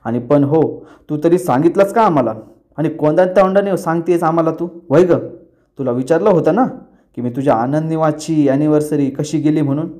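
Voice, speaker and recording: A man's voice: fairly high pitch, fairly quick, dark tone, close to an everyday voice. A man voicing a stern father from a TV serial, scolding his son harshly. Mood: angry.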